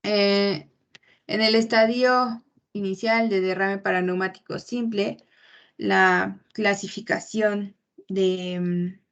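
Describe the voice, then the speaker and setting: A young woman explains medical material in a measured, unhurried way, often pausing with fillers. Her voice sits at a middle pitch, and the recording is muffled and lo-fi. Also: fairly even intonation. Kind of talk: medical class presentation.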